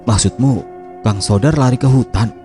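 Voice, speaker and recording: A man's voice: medium pitch, normal speed, music in the background, voice pushed up, natural voice. A man voicing a curious young male boarding-school student who asks eager questions.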